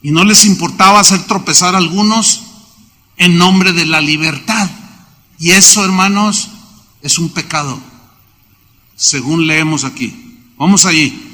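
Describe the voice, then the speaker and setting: Bright-voiced preacher in an echoing hall. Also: male voice, on the high side, unhurried, pauses often. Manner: storytelling preacher who acts out quoted voices. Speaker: pastor. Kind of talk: sermon. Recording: long reverb of a large hall.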